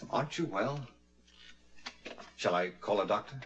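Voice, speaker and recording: An actor playing a plain-spoken, concerned rancher with a steady, polite manner in a vintage American TV suspense drama. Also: male voice, lowish voice, measured pace, muffled recording. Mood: concerned, matter-of-fact. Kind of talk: mid-century American TV suspense drama acting.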